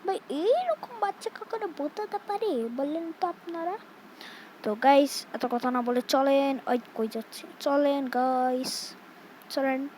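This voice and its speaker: A young woman from Bangladesh plays a horror game and talks to her viewers as she goes. Her voice is high and her pace is slow, and she scolds the game baby between jumpy yelps. Faint noise runs underneath. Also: a little mellow, poor audio. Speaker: gaming streamer. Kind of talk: casual horror game commentary.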